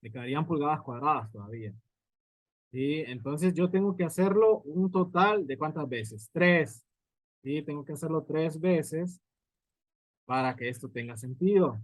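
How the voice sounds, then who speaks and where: A man's voice: fairly high pitch, lively intonation, moderate pace, no room sound, rough recording. A man teaching a physics lesson, explaining step by step and often checking in with his students. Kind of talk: recorded lecture at a writing board.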